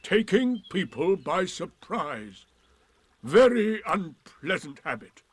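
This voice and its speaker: A man's voice: high-pitched, very animated, slow, husky, dry recording, voice pushed up, full character voice. A man voicing a gloomy, sulky old male donkey in a storybook reading, with a mournful, sarcastic drawl.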